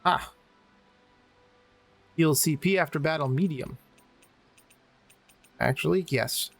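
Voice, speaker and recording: A man commentating his game play-through with loud, jokey, animated reactions. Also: fairly high pitch, slow, creaky, faint music behind. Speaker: let's play host. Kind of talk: gaming commentary.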